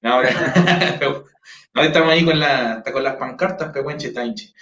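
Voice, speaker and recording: A man's voice: medium pitch, a little slow, a bit bright. A man hosts a casual online interview, often adding tag questions and restarting his sentences. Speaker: host. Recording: echoey, dull lo-fi sound.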